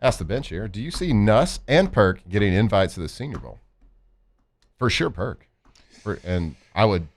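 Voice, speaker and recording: A man hosts a live sports radio talk show from a studio, chatting in a relaxed, joking manner with plenty of fillers. His voice is on the low side, at a moderate pace.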